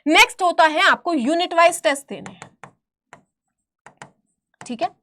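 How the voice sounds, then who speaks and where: A woman's voice: very high-pitched, animated, measured pace, pushed and bright. A woman teaching an exam-prep chemistry lesson, emphatic and repetitive, calling her students beta. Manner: emphatic, repeats phrases, calls students beta.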